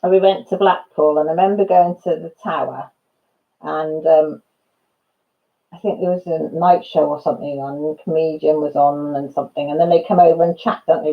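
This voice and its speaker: Heard through dull audio, a deep-voiced woman from Wales in her fifties runs a casual live chat on her channel. She greets viewers by name and laughs her way through her stories.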